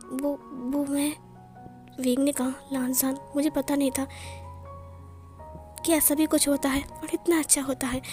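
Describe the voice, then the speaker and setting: A woman narrating a romance fan story and reading every character's lines herself in a plain, even way. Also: high voice. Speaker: fanfiction narrator. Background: soft background music.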